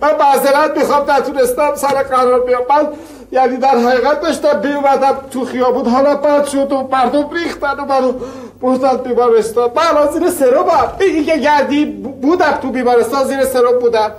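A man's voice: extremely high pitch, steady tone, reverberant. A man playing a fibbing engineer who fakes a cold on the phone, stammering and coughing. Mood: sheepish. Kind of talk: children's story acting.

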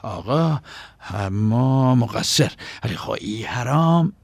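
A man's voice: medium pitch, lively intonation, slightly rough, no room sound. Man doing a pleading henchman. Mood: urgent. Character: anxious male henchman, eager to explain himself.

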